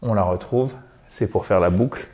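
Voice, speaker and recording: A man giving a video English lesson, explaining suffixes and stressed syllables and repeating example words slowly and carefully. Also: fairly low pitch. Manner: addresses viewers warmly as "chers amis". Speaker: English teacher.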